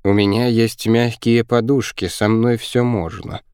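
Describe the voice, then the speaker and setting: A man voicing a pale, timid dead woman in an audiobook, speaking meekly and slowly with a tearful edge. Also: lowish voice, fairly even intonation, a little mellow, smooth, dry recording, clean studio sound, pitched above the performer's own voice. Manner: meek, slow, tearful.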